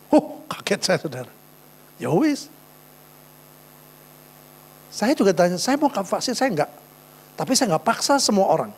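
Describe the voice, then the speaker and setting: A man preaching a sermon as pastor, telling stories and acting out conversations. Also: high voice. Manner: storytelling, often addressing listeners as saudara, acting out quoted dialogue. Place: church. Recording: faint mains hum.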